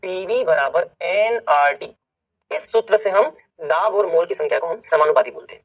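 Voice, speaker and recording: A man's voice: high voice, far from the mic, rough recording. A man teaching a chemistry lesson who speaks, mixing English science terms into his talk, repeating key points and often checking that students are following. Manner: says words one by one slowly to stress a rule. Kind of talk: classroom lecture to students.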